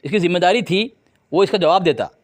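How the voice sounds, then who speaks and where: Give me a combative man debating in a heated, very high voice. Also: fast. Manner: combative, taunting, insulting the opponent.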